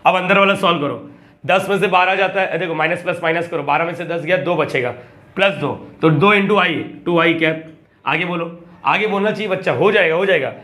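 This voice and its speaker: A man's voice: high-pitched, brisk, pushed and bright. A young man teaches a math lesson. He talks in a chatty, coaxing way and keeps firing questions at his students as he works through each step. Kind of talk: classroom lecture.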